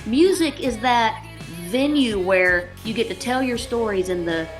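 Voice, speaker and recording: A country musician in her thirties from Oklahoma answers interview questions in a lively, folksy storytelling style, her Oklahoma accent clear. Her voice sits a little high and moves a little slowly, with music playing underneath.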